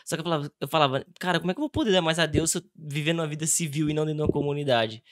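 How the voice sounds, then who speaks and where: Brazilian man, podcast host, casual and slangy, fairly high voice, dry close sound. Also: no room sound. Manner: relaxed, casual slang, quick reactions.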